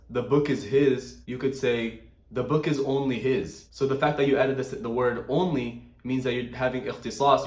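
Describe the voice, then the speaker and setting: In an echoey room, a male Arabic teacher talks fast through a grammar lesson, reading out answers and correcting them while dropping naturally into Arabic terminology. The commentary is casual and explanatory, and his mid-range voice is a little mellow.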